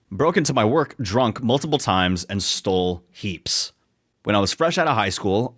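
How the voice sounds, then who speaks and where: Co-host: easygoing New York guy with a lowish voice, reads stories and riffs, jokey, trips over words. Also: a bit bright. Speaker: podcast co-host. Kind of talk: casual chat, reading stories aloud.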